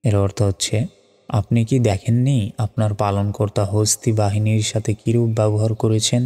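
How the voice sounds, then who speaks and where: Deep-voiced man teaching Quran recitation. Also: level tone, warm tone, in a large hall, faint music behind. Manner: spells out Arabic syllables slowly and patiently; chants Quranic verses slowly and melodically. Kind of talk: step-by-step recitation lesson.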